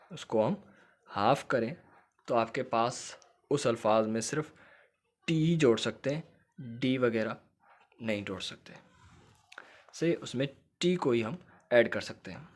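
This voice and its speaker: A man teaching shorthand in a recorded lecture, explaining patiently, repeating points and checking that students follow. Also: medium pitch.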